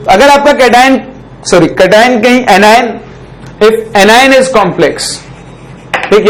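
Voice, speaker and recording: A male teacher explaining a chemistry rule, often asking the class a question and then answering it himself. He stops to dictate phrases slowly for note-taking and keeps checking in with a short "okay". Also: very high voice, slight background noise, rough recording. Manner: dictates slowly while writing on a board; ends phrases with a checking "ठीक". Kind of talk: chemistry lesson.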